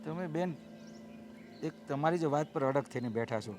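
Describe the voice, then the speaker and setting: A middle-aged actor playing a humble father who pleads earnestly and tries to calm others. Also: fairly high pitch, moderate pace, slight background noise, lightly acted. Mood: pleading. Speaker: actor in a family drama.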